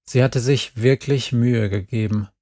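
A man narrating an audiobook in a slow, unhurried read. His delivery is calm and measured, close to a studio mic. The sound is bone dry, with no room at all. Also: mid-range voice, dry recording. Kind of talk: scripted narration.

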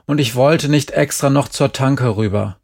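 Easygoing grown-up man coaxing kids through a door, calm and a touch louder than the narration, read by a male storyteller. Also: medium pitch, a little slow.

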